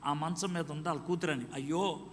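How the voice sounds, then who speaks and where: Preacher guy telling a story in a sermon, kinda high voice, big echoey hall. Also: fairly even intonation, a little fast. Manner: vivid storyteller acting out dialogue. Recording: long hall reverb.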